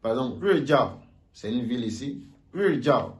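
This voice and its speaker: A man giving a casual video lesson on Mandarin sounds, slowly repeating each sound aloud for learners. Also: medium pitch, a little mellow. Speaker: Mandarin teacher.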